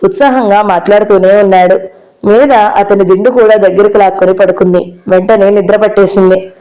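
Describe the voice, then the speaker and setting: Mellow-voiced woman narrating a novel. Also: mid-range voice, fairly even intonation, a little fast, poor audio. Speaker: audiobook narrator.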